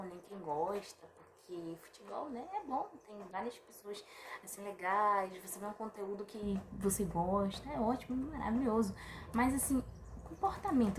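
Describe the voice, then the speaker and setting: A chatty woman talks straight to her viewers, tossing out rhetorical questions and sighing in exasperation. Her voice sits at a middle pitch and rings in a roomy, echoey space. A faint hum of ambience sits behind her. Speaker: vlogger. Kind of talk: casual opinion monologue to camera.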